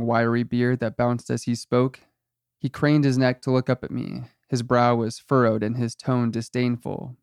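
A man's voice: mid-range voice, darkish tone, dry recording. Man narrating a story, dry close sound. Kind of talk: first-person story narration.

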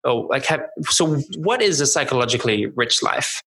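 A man hosting an interview, asking questions in a halting way while searching for words. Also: mid-range voice, sing-song, pushed and bright, husky. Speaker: podcast host. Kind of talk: casual interview.

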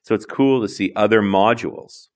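A man co-hosting a tech podcast, easygoing and quick to laugh and react. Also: on the low side. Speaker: podcast co-host. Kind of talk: casual chat.

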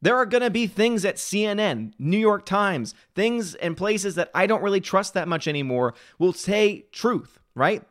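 A man's voice: fairly high pitch, a bit bright, dry recording, studio quality. A man hosting a live stream, chatting casually and answering viewers' chat comments. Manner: talks fast, reads and answers chat comments.

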